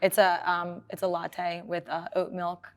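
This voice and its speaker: A young woman from Maryland answering a rapid-fire interview in a bubbly, giggly way, often hunting for words. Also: lowish voice, completely flat delivery. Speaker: guest, apparel business owner.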